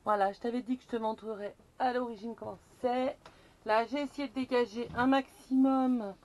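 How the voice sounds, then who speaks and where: A woman's voice: on the high side, a little mellow. A woman narrating her own vlog in a casual, chatty way, laughing often as she films inside a camper van on a handheld camera. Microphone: handheld action camera.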